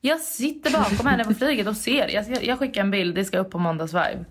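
A woman's voice: medium pitch, husky. A young woman chatting casually, telling an anecdote full of quoted dialogue. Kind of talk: casual chat.

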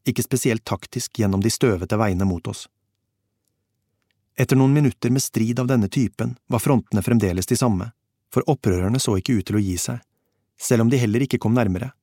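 A man narrating a first-person audiobook in a steady, measured reading. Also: on the low side, dry recording, clean studio sound.

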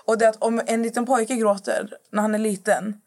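The podcast guest, an influencer from the Middle East, speaks with a fairly high pitch, flat delivery and a darkish tone. Her casual talk rambles, and she keeps restarting lines as she looks for the right words.

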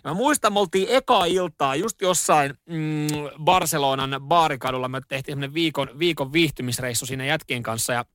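A man's voice: fairly high pitch, hardly any pauses, no room sound, clean studio sound. A man hosting a radio morning show, telling stories in casual chat with lots of fillers and restarts. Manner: animated storytelling, acts out shouts in the story.

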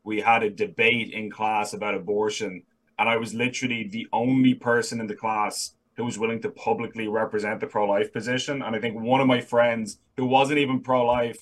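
A man's voice: lowish voice, steady tone, a little fast, poor audio. A young man with a Dublin accent, a political correspondent talking candidly as a guest, often restarting his sentences. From Ireland. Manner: earnest, candid, with frequent restarts. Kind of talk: casual interview.

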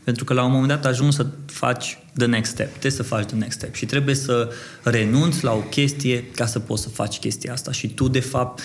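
A man's voice: mid-range voice, steady tone, a little hiss or hum. A Romanian man hosting a podcast, thinking aloud in long, winding questions. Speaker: podcast host. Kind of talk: conversational interview.

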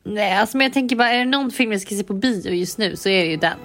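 Chatty woman, steady mid voice. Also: medium pitch, soft background music. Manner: chatty, relaxed, lots of filler words. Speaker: podcast co-host. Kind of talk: casual chat. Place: hotel on holiday, remote recording.

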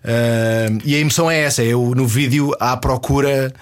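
A man with a European Portuguese accent tells a long story in casual chat. He stumbles, restarts and slips in deadpan jokes, at an ordinary middle pitch. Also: normal speed. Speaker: guest.

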